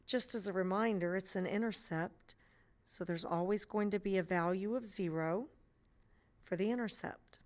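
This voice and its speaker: A woman's voice: mid-range voice, normal speed. A woman math teacher narrating a screencast lesson, explaining step by step in a patient way with playful memory tricks.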